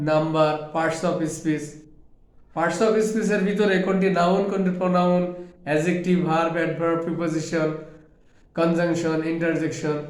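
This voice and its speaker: A man's voice: high-pitched, darkish tone, roomy sound. A man giving an earnest talk on teaching English, listing terms one by one and mixing English words into his speech. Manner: lists terms one by one, pleading tone. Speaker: educator speaking on English teaching.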